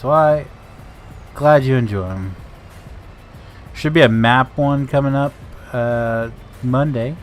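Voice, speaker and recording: A man live-streaming a farming game, chatting loosely with viewers, greeting and thanking them and swearing casually, tired and grumpy. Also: medium pitch.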